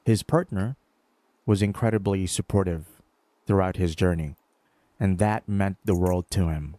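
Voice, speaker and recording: A man narrating a short documentary profile in a measured, scripted voice-over. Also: sits low, dark tone, dry recording.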